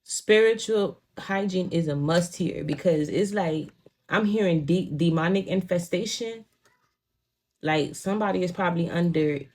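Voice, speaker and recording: Speaking with a Haitian Creole accent, this young tarot reader has a low, darkish voice. She grew up in a Haitian home with Creole as her first language, and her casual reading is blunt and profane, dotted with "you know what I'm saying."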